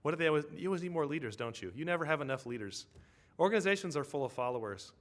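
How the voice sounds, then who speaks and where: A man's voice: fairly high pitch, expressive, very fast, fairly bright tone. A man preaching a conversational sermon, telling a story and asking his congregation tag questions.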